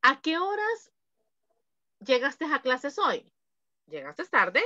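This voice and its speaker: Slow, bright-voiced teacher. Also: female voice, sits high, huge pitch swings, no echo, highs cut off. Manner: patient, explains slowly, repeats examples. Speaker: English teacher. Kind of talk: online class instruction.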